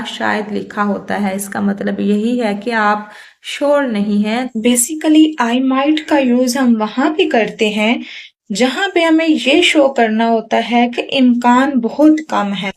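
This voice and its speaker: A woman teaching English grammar in Hindi, explaining patiently and saying each English example slowly and clearly. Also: on the high side. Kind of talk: spoken English lesson for Hindi speakers.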